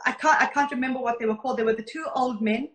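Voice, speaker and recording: A woman singer who grew up in Zambia and Zimbabwe, chatting warmly as an interview guest and laughing easily. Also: on the high side, racing, echoey room. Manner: laughs easily, effusive and affectionate. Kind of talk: casual interview chat.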